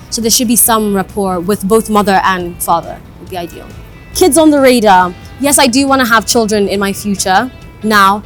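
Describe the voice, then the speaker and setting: A young woman from Kenya talking candidly in a casual vlog, chatty and quick to laugh, recorded outdoors high up on a building. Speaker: vlogger and radio host.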